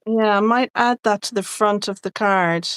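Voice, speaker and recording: A woman's voice: medium pitch, moderate pace, a bit bright. Chatty woman crafting live on a call. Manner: chatty, talks through each crafting step. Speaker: crafting livestream co-host. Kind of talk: casual chat while crafting live.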